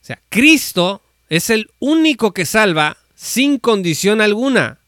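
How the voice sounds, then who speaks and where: Man, Bible teacher, high voice, smooth clear tone, conversational preaching. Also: very animated, a little slow, fairly bright tone, dry recording, studio quality. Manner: conversational preaching, retelling Scripture with fillers and restarts. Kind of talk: informal teaching talk on an audio space.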